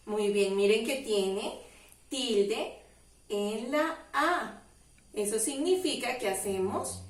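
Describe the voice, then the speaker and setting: Slow, patient woman teaching syllables. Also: on the high side, echoey room, distant mic. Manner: slow, patient, drawn-out syllables, asks questions. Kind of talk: early reading lesson for children.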